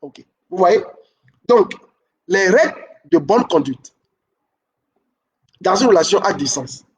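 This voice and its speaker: A man giving relationship advice to camera, repeating his key points and often checking in with a quick "ok?". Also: high voice, lively intonation, distant mic.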